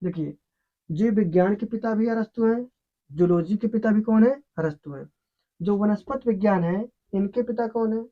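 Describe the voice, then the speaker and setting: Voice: medium pitch, normal speed. A teacher giving an explanatory science lesson who asks questions, answers them, and repeats the key terms. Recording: dull, lo-fi recording.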